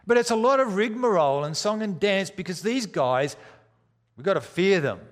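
A man preaching a sermon with dramatic, deliberate emphasis, using rhetorical questions and repetition. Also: sits high, expressive. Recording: echoey hall with long reverb.

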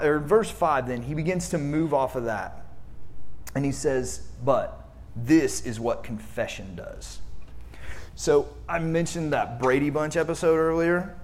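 A man's voice: medium pitch, darkish tone. A man preaching a sermon in a conversational way, using fillers and asking the congregation rhetorical questions. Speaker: pastor.

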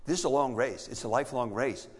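An older man preaching a sermon as pastor, animated and emphatic, repeating key phrases for effect. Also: medium pitch, quick pace, husky. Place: church sanctuary. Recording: long hall reverb.

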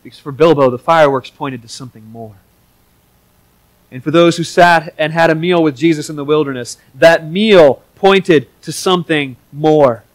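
A man's voice: fairly high pitch, normal speed, dry recording, poor audio. A man preaching a sermon in an earnest, conversational way, with small restarts as he explains. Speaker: pastor.

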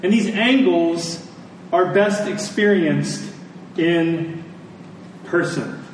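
An American man with a high voice preaches a sermon as a pastor to his congregation in a large church meeting room. He speaks conversationally, in short, deliberate phrases, and the very echoey hall, distant mic and faint background noise color the recording.

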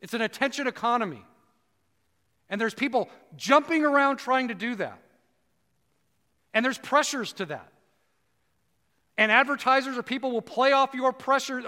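A man preaching a conversational sermon, dropping low and slow for emphasis. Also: sharp tone, big-room sound. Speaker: pastor.

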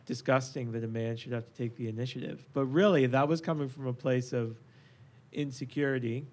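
An earnest man hosts a casual faith discussion at an average pitch. He presses his points with emphasis and often restarts with "um" and "and". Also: fairly even intonation, fairly quick, a little mellow. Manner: earnest, emphatic, many fillers. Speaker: podcast host.

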